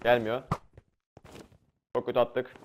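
A young man with a Turkish accent giving rowdy live commentary over a video game, swearing and yelling at the game's creatures. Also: mid-range voice, completely flat delivery, takes it slowly, a little hiss or hum. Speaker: gaming streamer.

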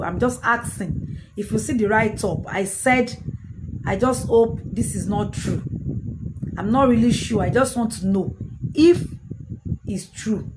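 A livestream host commenting on news, this middle-aged woman from Ijebu in southwestern Nigeria speaks Yoruba natively and has a Yoruba accent. In a mid-range voice she gives casual, emphatic live commentary, saying her phrases over and over. A phone held at arm's length in a small curtained room captures her, along with noise and room ambience.

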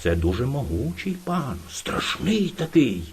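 A woman voicing a timid but cunning little male hare in a folk-tale reading, speaking politely and with flattery. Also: extremely low pitch, measured pace, a little hiss or hum, exaggerated voice. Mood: flattering. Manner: polite, fawning, sly.

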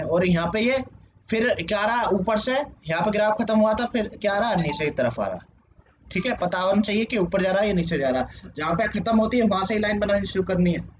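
A male teacher explaining a lesson at a board, asking questions and answering them himself, checking in with "okay" often. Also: high-pitched. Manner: frequent "ठीक है" check-ins. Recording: dull lo-fi sound with faint noise.

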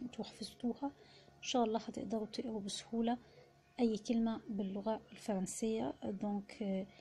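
Higher-voiced Egyptian woman teaching patiently. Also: mellow. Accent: Egyptian Arabic. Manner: patient, repeats each example word slowly. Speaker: French teacher. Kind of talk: online language lesson.

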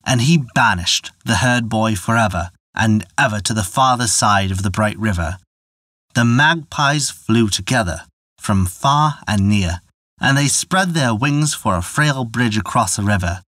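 A man narrating a folktale in a measured, expressive storytelling manner on a close mic. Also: lowish voice, no room sound.

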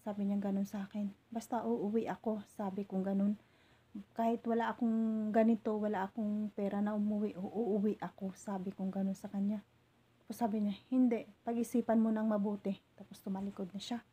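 A woman from the Philippines telling a hurtful story from her job as a domestic helper, in a halting way with many restarts. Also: medium pitch, little pitch movement, dark tone, husky. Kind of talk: emotional personal storytelling.

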